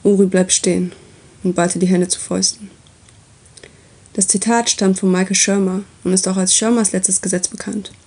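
A woman reading a story aloud as its narrator, with steady, even delivery. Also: medium pitch, moderate pace, husky.

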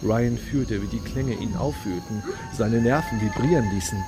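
A man narrating a science fiction story in a measured, dramatic way. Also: mid-range voice, huge pitch swings. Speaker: audiobook narrator. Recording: read over loud background music.

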